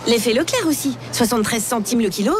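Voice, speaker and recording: Brief bright high-voiced shopper, woman acting, radio ad skit, room noise behind. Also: expressive, quick pace, natural voice. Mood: delighted. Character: perky grown woman shopper, cheerful now.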